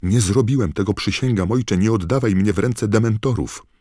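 A man voicing a panicked young man who shouts and begs his father for mercy in an audiobook. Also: fairly low pitch, moderate pace, no room sound, clean studio sound, voice pushed up, lightly acted. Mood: desperate pleading. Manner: desperate shouting and begging. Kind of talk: audiobook character voice.

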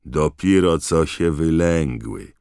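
A huge, gruff gamekeeper booms out his words with rustic warmth, as a man voices him in an audiobook. The voice sits very deep and close, with a dry sound. His delight in monsters drives a hearty, loud delivery. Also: a little slow, dry recording. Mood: proud, hearty.

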